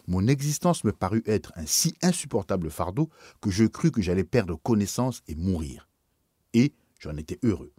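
A man's voice: deep voice, dark tone, husky, dry recording, studio quality. A man reading a first-person memoir aloud in an earnest, solemn way. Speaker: audiobook reader.

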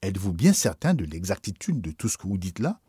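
A man voicing a grave, kindly elderly bishop in an audiobook, speaking slowly and with measured solemnity. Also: low-pitched, big pitch swings, warm tone, breathy edge, dry recording, clean studio sound, full character voice. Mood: troubled.

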